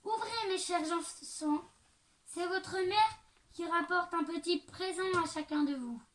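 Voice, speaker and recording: A woman's voice: extremely high pitch, a little slow, recorded from a distance, voice pushed up. A woman voicing a sly, hungry male wolf in a storybook reading, growling and scheming. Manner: growling, then whining when pleading.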